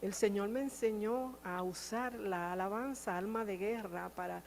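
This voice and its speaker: A woman's voice: mid-range voice, moderate pace, creaky, a little mellow, a little hiss or hum, low-quality recording. A middle-aged woman with a Puerto Rican accent giving a personal testimony in church, hesitant and full of fillers. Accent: Puerto Rican Spanish.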